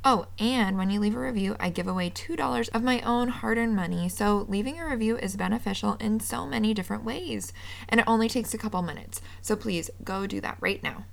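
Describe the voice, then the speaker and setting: A woman's voice: mid-range voice, a little fast, vocal fry. A woman hosting a podcast in an upbeat, friendly manner, speaking straight to her listeners. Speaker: podcast host. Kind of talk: scripted podcast intro and sponsor read, then interview chat.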